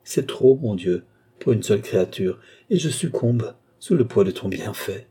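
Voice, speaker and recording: Passionate male alchemist, hushed then declamatory, mellow and husky, voiced by the male reader. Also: lowish voice, animated, normal speed. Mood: awed. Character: man, fervent alchemist, awed and passionate.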